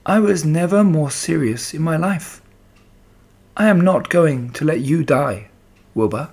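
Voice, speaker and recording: A man voicing a calm, motherly female spider in a children's story, comforting and gently firm. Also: fairly high pitch, measured pace, creaky, slightly rough, voice pushed up, heavily acted. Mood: calm, assured.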